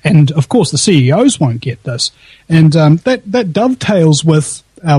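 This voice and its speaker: A man's voice: high-pitched, warm tone, husky, dry recording. A man with a broad New Zealand accent chatting casually about politics in a sardonic, anecdotal way. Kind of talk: animated casual political chat.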